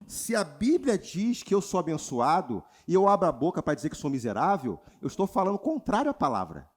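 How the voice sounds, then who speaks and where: At a church retreat service, a Brazilian pastor with a Brazilian Portuguese accent preaches a sermon with animated energy. He calls on the congregation for responses and mimics people's prayers in high voices.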